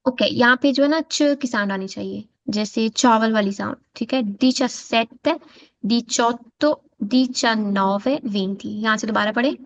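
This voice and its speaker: A woman teaching an online class, saying each word slowly and patiently. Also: a little high, gravelly, fairly bright tone, slight background noise. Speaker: Italian teacher. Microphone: video call. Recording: dull lo-fi video call audio.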